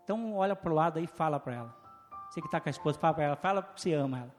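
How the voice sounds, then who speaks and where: This pastor's voice is on the high side, with lively intonation and a very fast delivery, marked by his Brazilian Portuguese accent. He preaches in a church hall through rhetorical questions and call-and-response, while soft background music plays and a long reverb trails each phrase.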